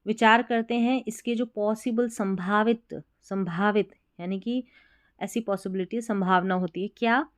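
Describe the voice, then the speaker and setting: Female English tutor, Hindi accent, unhurried patient delivery, dry booth-like sound. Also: mid-range voice, steady tone, no room sound. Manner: spells words letter by letter and explains patiently. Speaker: English teacher. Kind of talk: slow spelling and pronunciation lesson.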